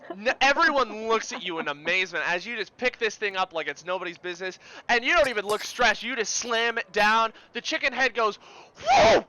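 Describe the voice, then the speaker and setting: Bright-voiced man running a tabletop game. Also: high voice, fairly quick, few pauses, rough recording. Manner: animated narration with vocal sound effects. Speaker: game master.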